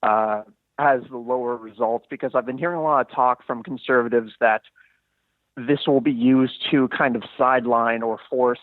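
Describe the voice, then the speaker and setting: A man's voice: mid-range voice, steady tone, normal speed, dry recording. A man from Texas calling in by phone to a political talk show, speaking casually, politely and a little hesitantly. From Texas, United States. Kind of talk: casual call-in discussion. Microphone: phone call. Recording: muffled, tinny phone line.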